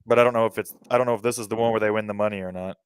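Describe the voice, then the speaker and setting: A man's voice: fairly low pitch, fairly even intonation, rapid-fire. A man giving casual sports analysis, chatty and thinking aloud with fillers.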